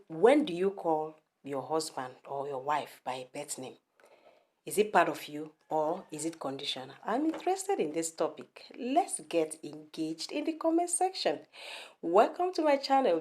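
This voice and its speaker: Speaking from her echoey home, a young Igbo-accented Nigerian woman with a low, deep voice shares her opinions in a relaxed vlog. She's emphatic, a little mellow, and keeps turning to the viewer with pointed questions.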